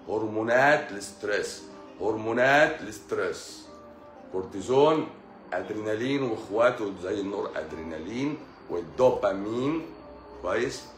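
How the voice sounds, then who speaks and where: A man with an Egyptian Arabic accent giving an explanatory talk on a live stream. He repeats key words as questions and greets viewers in quick asides. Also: on the low side. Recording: echoey room with faint music.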